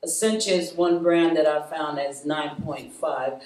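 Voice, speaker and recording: A woman speaking to a live roundtable group, animated and preachy, laughing often and calling out to her audience. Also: low voice, unhurried. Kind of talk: spirited talk to a live group. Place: meeting room with an audience. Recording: echoey room, voice from far off.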